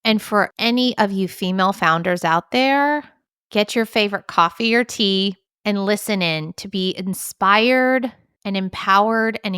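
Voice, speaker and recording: A woman hosts a podcast with a bright, smooth voice and speaks in an effusive, enthusiastic way. Her recording sounds dry and close. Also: mid-range voice, dry recording. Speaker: podcast host. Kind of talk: podcast intro and interview.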